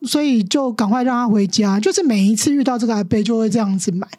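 A woman's voice: on the high side, fast, dark tone, no room sound, clean studio sound. A middle-aged woman teacher with a Taiwanese Mandarin accent, earnestly telling stories as a podcast guest. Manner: earnest, acts out quoted dialogue. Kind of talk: storytelling interview.

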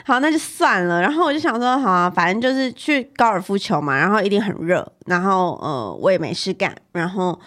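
A young woman co-hosting a podcast, telling a story in animated casual chat and laughing often. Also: medium pitch, fairly quick, few pauses. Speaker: podcast co-host.

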